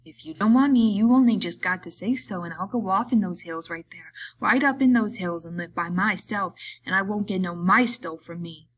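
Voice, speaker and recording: A woman's voice: medium pitch, normal speed, hardly any pauses, natural voice, poor audio. A woman voicing a simple-minded, childlike grown man who speaks in a plaintive, pleading rural way. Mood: wheedling.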